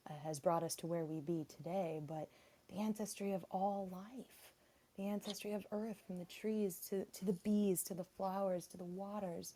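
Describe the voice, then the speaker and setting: A woman guest speaking on spiritual ancestry with a calm, measured delivery, her voice faint and distant because she is too far from the phone. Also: mid-range voice, slight background noise. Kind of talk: spiritual talk.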